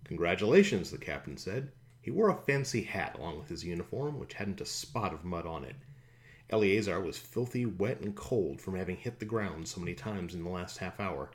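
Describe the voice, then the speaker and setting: A man narrating a fantasy audiobook in a steady, even storytelling manner. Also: low voice, moderate pace.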